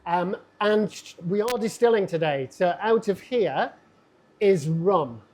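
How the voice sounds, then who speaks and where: Give me a distiller talking at the still, halting and relaxed, recorded through a camera mic set too hot so the audio clips. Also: medium pitch, a crowd in the background. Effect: clipping, distorted in-camera audio from a mic set too hot. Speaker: distiller giving a tour. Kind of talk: casual on-site explanation. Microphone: wireless clip-on mic recorded into the camera.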